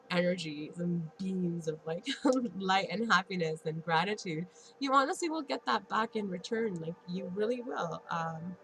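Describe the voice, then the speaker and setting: A woman's voice: fairly low pitch, gravelly, background noise. A woman in her late thirties with a stuffy nose, talking earnestly and encouragingly to her vlog viewers, often laughing between thoughts. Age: 30s. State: congested. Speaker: vlogger and Reiki practitioner. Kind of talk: casual motivational vlog talk.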